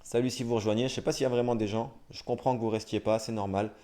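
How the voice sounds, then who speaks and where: A young man streaming live, reading dictionary entries aloud at a brisk clip and breaking off for wry, self-mocking asides. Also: medium pitch, steady tone, warm tone, a little hiss or hum. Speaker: livestreamer.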